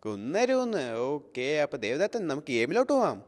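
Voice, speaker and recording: A young man hosting a children's phone-in game show, calling the game with excited, sing-song, coaxing talk aimed at kids. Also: on the high side, a little fast. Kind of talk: live game commentary for kids. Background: background music.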